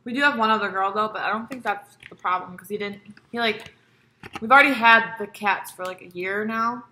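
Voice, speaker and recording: A woman's voice: medium pitch, a little fast, pushed and bright, a little hiss or hum. A young adult woman vlogging at home, chatting in a rambling, profane way as she eats on camera. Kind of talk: casual mukbang chat.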